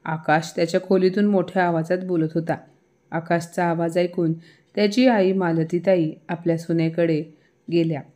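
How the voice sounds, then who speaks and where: A woman storyteller narrating a scripted family moral story in a steady, even way. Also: on the low side, normal speed.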